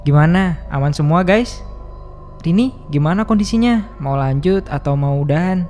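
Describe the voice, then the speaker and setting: A voice actor in an animated horror story plays a calm hiking group leader who gives directions and reassures his companions. The mid-range, slightly mellow voice is expressive and lightly acted at normal speed, calm, reassuring and instructive, with faint music behind it.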